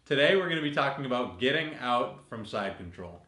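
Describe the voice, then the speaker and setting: A man voicing a booming metallic robot announcer, stiff and loud, in a roomy room. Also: sing-song, fairly quick. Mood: booming robotic.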